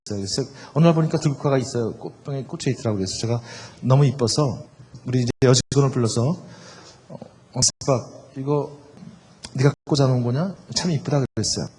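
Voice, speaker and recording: A man's voice: medium pitch, a little mellow, slightly rough. Middle-aged man telling marriage stories. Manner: storytelling, acts out quoted dialogue. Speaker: lecturer on marriage. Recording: reverberant hall with faint noise.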